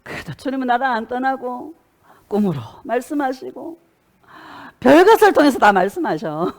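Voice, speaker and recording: Lively woman pastor preaching. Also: on the high side, moderate pace. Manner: animated storytelling, acting out quotes with laughter. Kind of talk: sermon.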